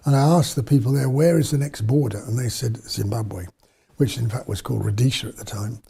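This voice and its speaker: Older man, dark husky voice. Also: mid-range voice, fairly quick. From England. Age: 70s. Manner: rambling, self-correcting storyteller. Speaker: missionary priest. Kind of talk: storytelling interview. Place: studio.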